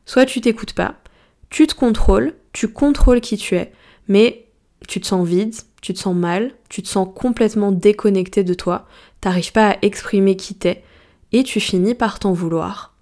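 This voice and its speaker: Mellow-voiced woman hosting a casual podcast. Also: medium pitch, moderate pace. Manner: chatty, slangy, addresses the listener directly; asks reflective coaching questions. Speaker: podcast host and coach. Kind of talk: casual solo podcast talk.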